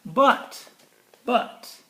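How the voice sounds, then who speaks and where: Reading very slowly in a fairly bright tone, this man gives a children's picture book a theatrical, playful treatment. He drops offhand remarks about the illustrations as he goes. The recording sounds roomy and echoey, with a little background noise.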